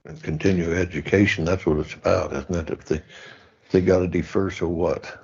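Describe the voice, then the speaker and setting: A man's voice: low voice, steady tone, normal speed, creaky, darkish tone, breathy edge, highs cut off. A plainspoken man on the board speaking off-mic at a meeting. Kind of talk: casual remarks at a public meeting.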